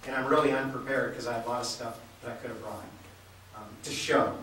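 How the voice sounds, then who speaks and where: A man gives public comment at a meeting in an earnest, slightly rushed way. His middle-pitched voice sounds distant and echoes strongly through the hall, with faint noise behind it. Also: fairly even intonation, a bit bright. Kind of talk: public testimony.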